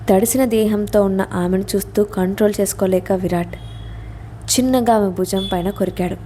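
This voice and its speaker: A woman storyteller giving a steady, expressive scripted story narration. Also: mid-range voice, a little hiss or hum.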